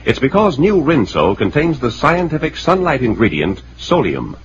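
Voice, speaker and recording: Animated old radio adman, American. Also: moderate pace. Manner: emphatic, sing-out sales pitch. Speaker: commercial announcer. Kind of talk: old-time radio advertisement. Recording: dull, noisy vintage radio recording.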